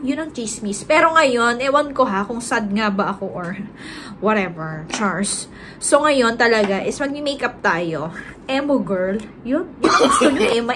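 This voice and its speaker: A woman's voice: a little high, slight background noise, rough recording. A young woman with a Filipino accent, chatting casually and animatedly through a makeup tutorial, mixing Tagalog and English. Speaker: beauty vlogger.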